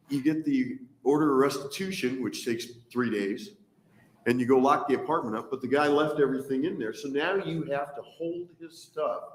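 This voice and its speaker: Casual, wry man in an echoey hearing room. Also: medium pitch. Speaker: landlord and auctioneer testifying at a hearing. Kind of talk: spoken testimony.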